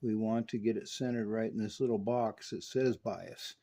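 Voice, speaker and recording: Speaking at normal speed in a warm, lowish voice, a man walks a customer step by step through a hands-on demonstration of the radio he restored. He is a radio repair technician and narrates methodically.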